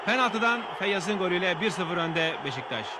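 Guy doing football highlights commentary, high voice, noisy crowd all around him. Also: expressive, moderate pace. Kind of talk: scripted match highlights narration. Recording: loud crowd noise behind, noisy outdoor audio. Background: stadium crowd.

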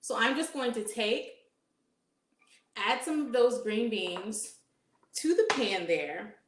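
A woman's voice: fairly high pitch, lively intonation, takes it slowly. A woman in her thirties, a dietitian, giving an upbeat live cooking demonstration in a home kitchen and asking her audience questions. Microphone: camera at medium distance. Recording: echoey kitchen room sound.

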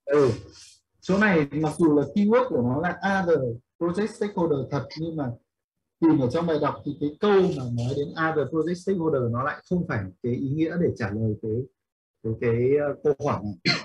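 Vietnamese man teaching English, higher voice. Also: fairly quick, a little mellow, rough recording. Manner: explains step by step, asking students questions often. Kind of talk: online class instruction.

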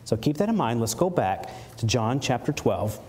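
A man preaching a sermon in a church, animated, acting out playful mock quotes as he explains a verse. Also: mid-range voice, moderate pace. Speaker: pastor. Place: church sanctuary. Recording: faint background noise from a live stream.

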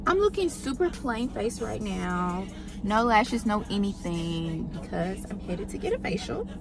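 A young woman chatting to her phone camera in a parked car, casual and expressive with slangy asides. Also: lowish voice. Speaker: lifestyle vlogger. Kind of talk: casual vlog narration. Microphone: phone camera at arm's length.

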